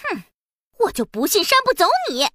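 Bratty Princess Iron Fan, very high. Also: female voice, big pitch swings, normal speed, pushed and bright, no room sound, clean studio sound, full character voice. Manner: huffy, scolding, sulky. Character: haughty, bratty young female princess. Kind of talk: children's storybook voice acting.

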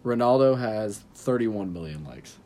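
A man's voice: on the low side, lively intonation, a little slow, dark tone, slight background noise. A young man co-hosting a podcast, casual chat with crude, teasing humor. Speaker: podcast co-host.

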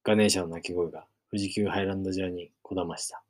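Low, husky man reading a novel. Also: fairly even intonation, quick pace, a little mellow. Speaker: reader. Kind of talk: scripted narration, reading a novel aloud.

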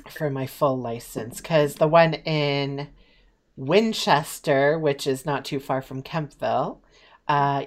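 Young woman, very low voice, chatty, casual storytelling, many fillers. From Eastern Ontario, Canada. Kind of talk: casual chat.

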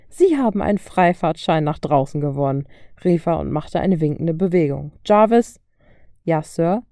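A woman reading fan fiction aloud as a story, voicing the dialogue with a raised pitch. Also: gravelly, dark tone, no room sound, studio quality.

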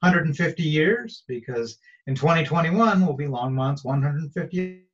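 A man speaking as a local history guest over a video call whose audio glitches and cuts out, talking haltingly with fillers. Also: fairly high pitch, animated, highs cut off. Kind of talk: casual remote interview.

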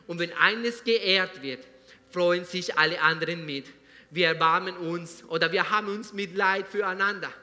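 A man preaches with fervor, hammering key phrases again and again in halting German full of small grammar slips. His voice sits high and sounds sharp and forceful. A long reverb trails every line in the church hall. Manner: fervent, repeats phrases for emphasis. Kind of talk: sermon.

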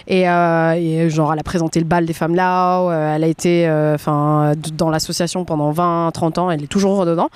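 Chatty woman around thirty, smooth. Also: low-pitched, little pitch movement, brisk, hardly any pauses, darkish tone. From France. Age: about 30. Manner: chatty, many fillers and restarts. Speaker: guest entrepreneur. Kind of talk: casual interview chat.

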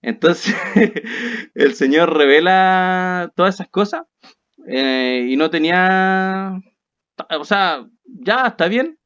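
A man's voice: sits high, slow, clean tone. Young Chilean man telling a story. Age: young adult. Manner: animated, laughs often, acts out quotes. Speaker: podcast co-host. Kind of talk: casual storytelling. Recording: slightly dull lo-fi audio.

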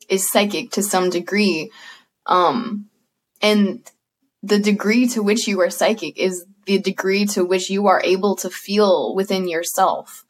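A woman, a guest energy healer on a video call, speaking earnestly about spirituality in casual chat and laughing often. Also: mid-range voice.

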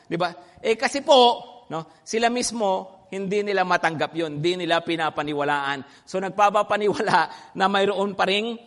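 A middle-aged man preaches with animated storytelling, tossing in constant little checks to his listeners. His voice sits notably high for a man. The sound carries a long hall reverb. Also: moderate pace. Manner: animated storytelling, frequent "no?" and "di ba?" asides. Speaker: pastor. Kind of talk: sermon.

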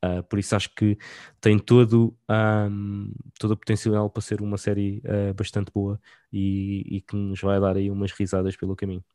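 A man's voice: on the low side, completely flat delivery, normal speed, warm tone, no room sound, studio quality. A man with a European Portuguese accent chatting casually as a podcast co-host, in informal, slangy language. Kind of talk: casual chat.

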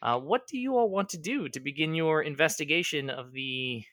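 Man, game master, tabletop narration, rambling, bright tone. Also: on the high side, lively intonation, moderate pace, no echo, clean studio sound. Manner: rambling, lots of fillers and self-corrections.

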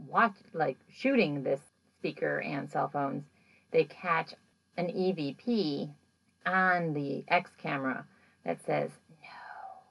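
A woman recapping a paranormal show in a loose, chatty podcast style. Her voice sits low and has a gravelly fry to it. She rambles through the story with plenty of "like" and "you know," and livens up when she acts out the moments. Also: rough recording. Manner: animated when acting out moments. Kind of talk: casual episode recap.

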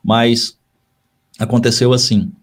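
A man's voice: mid-range voice, little pitch movement, takes it slowly. A man who is a missionary pastor, talking in a casual podcast conversation, earnest and given to repeating his phrases.

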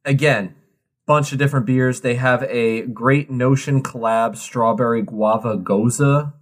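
A man's voice: mid-range voice, fairly even intonation, unhurried. A tipsy man co-hosting a podcast, laid-back and joking, often tripping over his words. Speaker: podcast co-host. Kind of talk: casual chat.

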